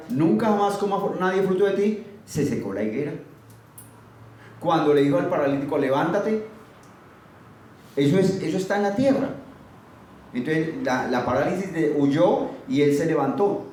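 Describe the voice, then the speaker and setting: Emphatic preacher in an echoey space. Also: male voice, on the high side, a little mellow. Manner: emphatic, poses rhetorical questions to listeners. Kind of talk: sermon. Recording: very echoey, far from the mic, faint noise.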